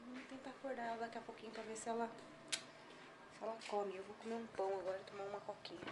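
A woman's voice: fairly high pitch, flat delivery, quick pace. A woman with a Brazilian Portuguese accent, vlogging from a hospital room, chatting to viewers and to her child. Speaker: vlogger and mother. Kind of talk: casual vlog chat. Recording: noisy phone recording.

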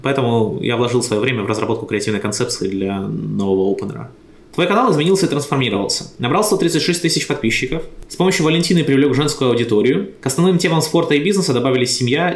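A man in his late twenties narrating a scripted video message, lively and enthusiastic. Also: mid-range voice, echoey room. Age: 20s. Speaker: contest entrant.

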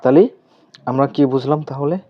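A man's voice: medium pitch, level tone. Man patiently explaining chemistry. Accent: Bangladeshi Bengali. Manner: asks questions aloud then answers, repeats terms slowly. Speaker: chemistry teacher. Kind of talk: step-by-step tutorial explanation. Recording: slightly dull lo-fi recording.

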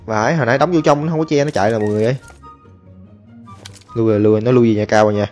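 A man giving excitable, chatty commentary over his own gameplay, talking to viewers and taunting enemies. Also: medium pitch, racing. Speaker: gaming streamer. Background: game music and gunfire.

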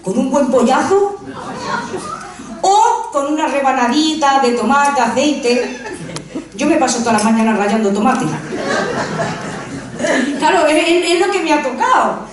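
A woman's voice: sits high, animated, a little slow, long pauses, a crowd in the background. A woman performing a self-mocking stand-up comedy monologue on a live stage, with punchy joke delivery. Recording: very echoey room, voice from far off.

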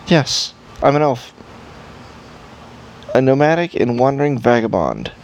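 A man's voice: medium pitch, very animated, unhurried. Cheerful male elf bard from a video game, lofty theatrical delivery, read by a man. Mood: proud. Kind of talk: reading game dialogue aloud.

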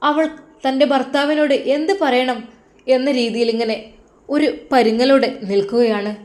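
A woman with a Malappuram accent reads a family story aloud. She tells it in a steady, expressive way, and her voice is a little higher than most women's. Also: moderate pace. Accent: Malappuram Malayalam. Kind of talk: scripted story narration.

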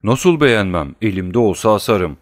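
A man reading an audiobook, voicing a coarse, bullying male swindler who rants and hurls insults loudly. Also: lowish voice, sing-song, moderate pace, no echo, studio quality. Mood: sneering. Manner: loud, abusive ranting.

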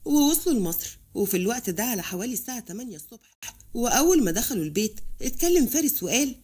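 A woman reading a family drama aloud as storyteller. Her voice sits high and she moves through the narration briskly and dramatically. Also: sing-song, mellow, husky.

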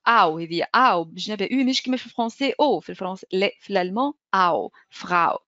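Quick-talking Tunisian woman teaching German. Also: medium pitch, lively intonation, bright, forceful tone, dry recording, lo-fi sound. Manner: drills pronunciation, checks in with students often. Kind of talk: online language lesson.

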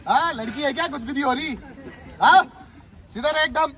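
A young man coaching army recruits in an instructional video, giving brisk commands and teasing them as he drills. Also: extremely high pitch, sharp tone, some chatter behind. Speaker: army recruitment physical trainer.

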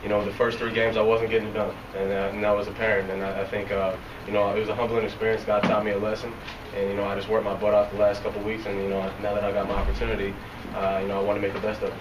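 A young man in his twenties answering reporters after a game, talking quickly and softly with many fillers and restarts. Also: fairly low pitch, monotone. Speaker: football player at a press conference. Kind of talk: post-game press interview. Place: locker room press area, indoors. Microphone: reporters' recorders held close. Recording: roomy, from a distance, noisy.

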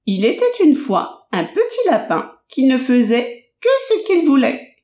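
A woman reads a children's story aloud in a slow, expressive narrating manner. Her fairly high voice swoops widely in pitch. The recording sounds roomy and slightly dull. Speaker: audiobook narrator.

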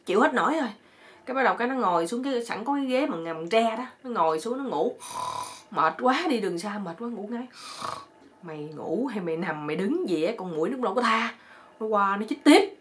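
A woman telling a comic story in a lively, chatty way full of exclamations. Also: mid-range voice.

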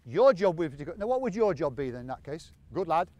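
A man coaching players on an outdoor training pitch, encouraging them and repeating short commands. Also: sing-song, fast, a little mellow. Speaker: football coach. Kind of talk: on-field coaching instruction.

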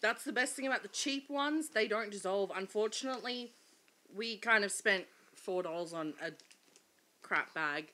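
A woman's voice: mid-range voice, moderate pace, bright, forceful tone. A woman in her twenties chatting casually as a guest on a vlog. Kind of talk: casual chat. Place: living room couch. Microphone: desk microphone in front of two people.

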